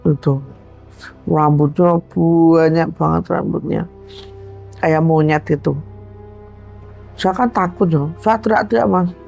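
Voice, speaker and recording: Brief: Javanese-accented woman guest, gravelly, vivid storyteller who plays out the voices. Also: sits low, takes it slowly, long pauses, faint music behind. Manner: animated, acts out the voices in her story. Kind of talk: telling a personal supernatural story.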